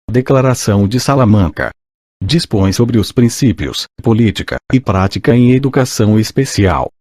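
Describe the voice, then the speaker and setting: A synthesized male voice with a Brazilian accent, like an old speech synthesizer, reading an audiobook in a mechanical, measured way. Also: lowish voice, a little mellow, dry recording, studio quality. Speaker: audiobook narrator. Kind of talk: scripted audiobook reading of a list of laws and credits.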